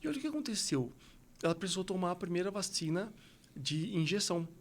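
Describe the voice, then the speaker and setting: Podcast host, Brazilian man, a bit high-pitched, lively storyteller. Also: fast. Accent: Brazilian Portuguese. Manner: animated storyteller acting out quotes. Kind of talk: podcast conversation.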